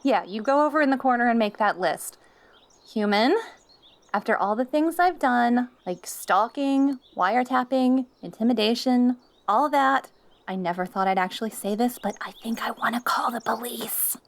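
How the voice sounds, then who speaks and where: A woman's voice: fairly high pitch, measured pace. A woman playing a jealous, possessive catgirl in an audio role-play, smug and cutesy as she sweet-talks and bickers. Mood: exasperated.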